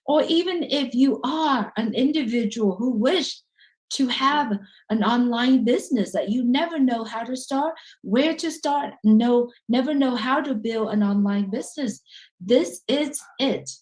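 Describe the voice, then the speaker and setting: A businesswoman co-hosting a webinar over a video call, speaking as a with an emphatic sales pitch. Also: darkish tone, poor audio. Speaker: webinar co-host.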